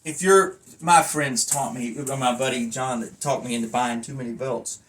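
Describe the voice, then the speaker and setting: A man with a medium-pitched, slightly bright voice talks at a moderate pace through a rambling hobby review. He's folksy, self-deprecating and casually profane, and the phone recording is noisy, with the mic held away from his mouth.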